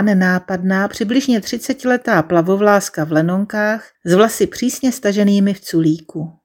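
Woman reading a wry first-person story. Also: fairly low pitch. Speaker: narrator.

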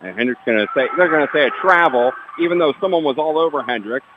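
A man's voice: a little high, expressive, noisy background. Man, play-by-play basketball announcer, dry asides, dull lo-fi sound. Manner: rapid player-by-player calls, dry asides about the refs.

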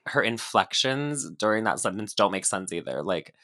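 A man co-hosting a podcast in casual chat, with vocal fry and a rambling delivery padded with "like". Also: on the low side, expressive, moderate pace, pushed and bright, no echo, studio quality. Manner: heavy filler "like", rambling, hedging. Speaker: podcast co-host.

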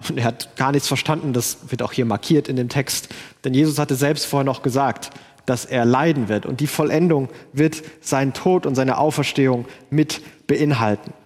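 A man preaching a sermon, slowing down to quote scripture and rising into rhetorical questions. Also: medium pitch, a little mellow, in a large hall.

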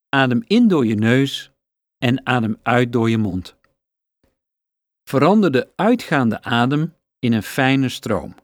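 A man calmly and soothingly narrating a scripted guided breathing meditation, giving unhurried instructions. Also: medium pitch, dry recording, clean studio sound.

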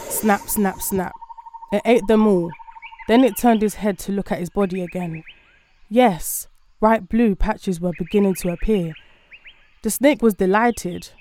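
A woman reading a folk tale aloud in a gentle, even storybook manner. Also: mid-range voice.

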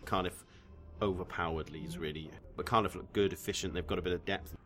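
A man hosting a casual football chat, relaxed and hesitant, often restarting his phrases. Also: sits low, brisk, a little hiss or hum. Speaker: podcast host.

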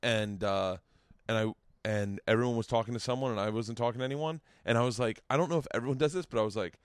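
A man's voice: mid-range voice, fast talker, smooth, no room sound, studio quality. A man hosting a casual podcast, talking candidly and rambling in a self-deprecating way. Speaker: podcast host and comedian. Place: home studio man cave.

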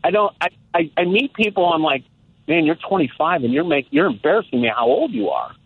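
A man's voice: high-pitched, huge pitch swings, a little fast, creaky, breathy edge, no room sound. A man in his sixties calling in to a talk show, chatting casually and reflectively, with many restarts. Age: 60s. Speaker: caller. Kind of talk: casual phone-in chat. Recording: tinny phone line.

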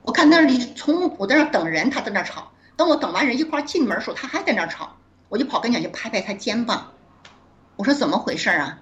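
Woman doctor, interview guest; fast, animated storyteller, laughs a lot, dull lo-fi audio. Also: a little high. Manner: laughs often, acts out dialogue with quick restarts.

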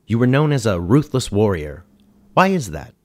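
An actor playing a dry, exasperated ghost who hosts a radio show, speaking in a deadpan, wry way. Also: male voice, on the low side, moderate pace. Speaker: host. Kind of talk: comedy radio sketch.

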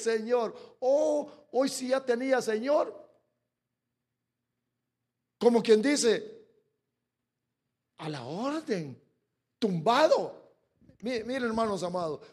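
A man preaching a sermon who swings from quiet asides to shouted peaks and acts out quoted voices. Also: high voice. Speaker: pastor.

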